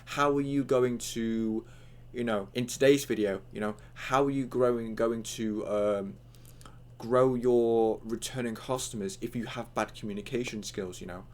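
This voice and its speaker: A man's voice: medium pitch, steady tone, measured pace. A young man with hiccups giving a casual, rambling online tutorial, full of fillers and acted-out chat lines.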